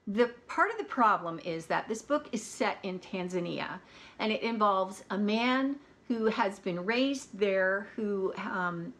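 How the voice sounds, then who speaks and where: A woman's voice: mid-range voice, fairly bright tone. Chatty American woman reviewing audiobooks. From United States. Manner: candid, chatty, frequent asides and laughs. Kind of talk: casual chat.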